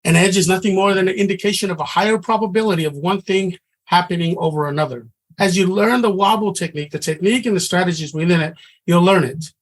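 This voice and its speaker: A high-voiced, fast-talking middle-aged man from Samoa teaches a trading class. He is earnest and conversational, frequently restarting his sentences.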